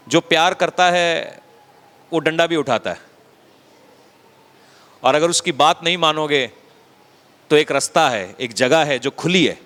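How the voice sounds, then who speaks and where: A man preaching a sermon as a pastor, talking conversationally and dropping his voice low to stress a point. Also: pushed and bright, long reverb tail. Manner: conversational preaching, acts out quotes, drops low for emphasis. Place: church hall.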